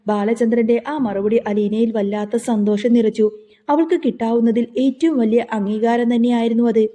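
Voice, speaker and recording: Mellow, fairly high woman narrator. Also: moderate pace. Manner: steady narration. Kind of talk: storytelling recap of a serial episode.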